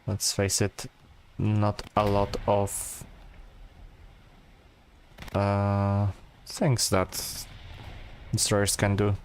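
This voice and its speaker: A man talks slowly through his gameplay. His commentary is relaxed and rambling, full of fillers and restarts, recorded at home on a desk mic with faint noise underneath. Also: fairly low pitch. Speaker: gameplay streamer.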